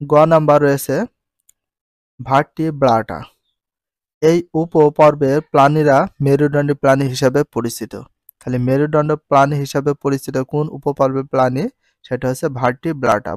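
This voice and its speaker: A male teacher with a Bangladeshi Bengali accent, drilling textbook science terms by asking questions and repeating each answer slowly. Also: mid-range voice, no echo. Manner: mixes English words into his teaching.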